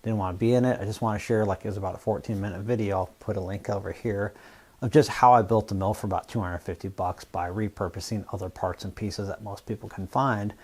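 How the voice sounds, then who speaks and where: A man from the US Northwest who hosts a fabrication channel, talking casually and plainly to camera in a relaxed, rambling way. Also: lowish voice, fast, slightly rough. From Washington State, US Northwest. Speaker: YouTube fabrication channel host.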